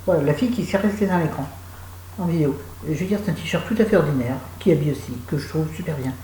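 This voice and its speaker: A woman's voice: deep voice, fast talker, dark tone, roomy sound, a little hiss or hum, poor audio. A woman chatting casually to camera from her home, rambling and self-mocking with frequent restarts. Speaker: vlogger. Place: room at home.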